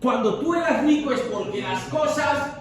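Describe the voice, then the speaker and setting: A man's voice: very high-pitched, animated, moderate pace. A man leading a Bible study group, explaining at length and often checking in with the listeners. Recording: echoey room, far from the mic, faint noise.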